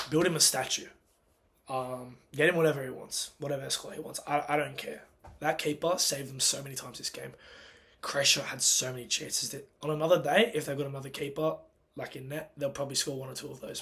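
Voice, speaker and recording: A football fan who has lost his voice rants casually after a match, hoarse and creaky. He's agitated and emphatic, and his pitch and volume rise whenever he gets angry, with a little background noise behind him.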